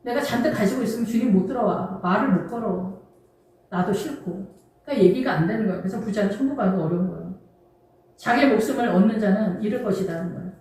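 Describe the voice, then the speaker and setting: In a church, a woman pastor preaches with a mid-range, dark-toned voice, talking fast. Her sermon is emphatic and conversational, packed with rhetorical questions, and the distant mic picks up the echo of the church hall.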